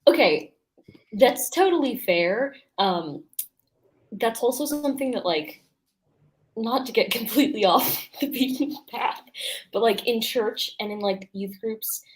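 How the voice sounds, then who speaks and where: A woman with a fairly high voice appears as a guest on a live book show. She talks casually but thoughtfully, in a halting way, often correcting herself.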